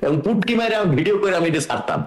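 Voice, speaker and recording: A man's voice: sits high, racing, roomy sound. A man on a talk show panel, ranting crudely and with lots of swearing over a video call. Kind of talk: heated online talk show discussion.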